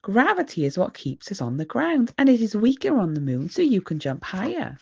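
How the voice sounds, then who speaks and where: Woman playing emphatic British rabbit tour guide, animated. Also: mid-range voice, fairly quick, gravelly, breathy edge, muffled recording, pitched above the performer's own voice, full character voice. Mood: instructive. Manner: emphatic, instructive. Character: earnest, strict male rabbit tour guide.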